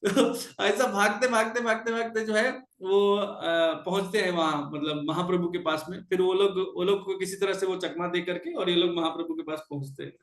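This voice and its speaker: High-voiced man telling devotional stories. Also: moderate pace, few pauses, reverberant. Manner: animated storyteller with frequent hesitation fillers. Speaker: devotional class teacher. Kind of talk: devotional storytelling lecture.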